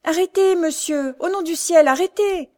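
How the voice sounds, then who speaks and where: A blind young woman, as a female narrator puts her on, pleading in a high voice that rises into loud cries. She sounds scared and helpless in a read-aloud novel. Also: moderate pace, lightly acted. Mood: terrified.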